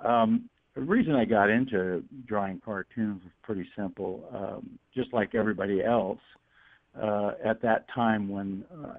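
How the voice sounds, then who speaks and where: A middle-aged man from Northern California, a guest cartoonist on a radio interview over the phone, who talks haltingly with many fillers and restarts. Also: fairly low pitch, dry recording. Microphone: telephone. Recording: tinny phone line.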